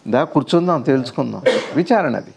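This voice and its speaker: A man's voice: medium pitch, animated, fast talker, vocal fry, a crowd in the background. A man, a spiritual teacher, explains ideas in a conversational discourse, asking rhetorical questions and building long lists.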